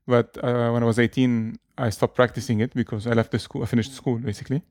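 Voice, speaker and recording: This interview guest is a man in his thirties from Lebanon who grew up speaking Arabic and French. He talks fast in a mid-range, slightly mellow voice that barely shifts in pitch, sounding loose and hesitant and laughing readily. The conversation is relaxed, and the audio is dry and close-miked.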